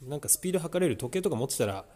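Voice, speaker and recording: A man's voice: fairly high pitch, very animated, very fast, darkish tone, husky, no echo. A man talking casually to a vlog about his training, thinking aloud in a reflective, conversational way. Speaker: vlogger.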